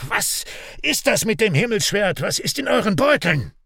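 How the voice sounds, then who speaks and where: A man voicing a hot-tempered clansman who shouts harshly and scornfully, in a dry audiobook recording. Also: medium pitch, lively intonation, normal speed, no echo. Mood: furious. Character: angry, hot-tempered man, clan homeowner. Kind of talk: audiobook character voice.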